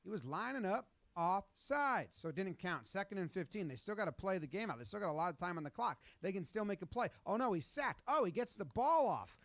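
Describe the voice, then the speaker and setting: A man giving a wry, quick play-by-play breakdown of game footage. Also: high-pitched, very animated, a bit bright, no echo. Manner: quick, wry, joking narration. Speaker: sports video narrator.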